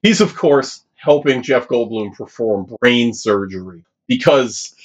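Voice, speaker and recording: A man co-hosting a casual movie podcast, animated, jumping into high mock voices for quotes. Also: a little slow, husky, dull audio. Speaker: podcast co-host.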